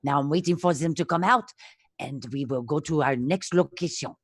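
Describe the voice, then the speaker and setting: Lady playing a content bear driver in a tabletop game, lowish voice, whimsical, very dry audio. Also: moderate pace, no echo.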